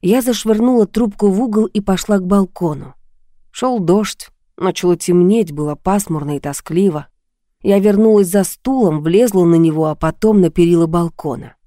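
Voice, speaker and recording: A woman narrating a first-person story in an audiobook, measured and dramatic. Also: on the low side, dark tone, dry recording, clean studio sound. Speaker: audiobook reader.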